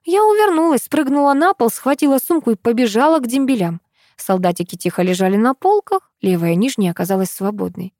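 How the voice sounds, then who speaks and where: A woman narrating a humorous first-person audiobook story in a lively, ironic manner. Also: fairly high pitch, fairly quick, no echo, studio quality.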